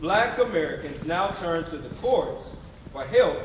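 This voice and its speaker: A man with a fairly high, animated voice orates at a measured pace on a theatre stage, delivering dramatic readers theatre in an emphatic, declamatory, preacher-like style with call and response from the audience. The distant mic picks up a very echoey live hall and background noise.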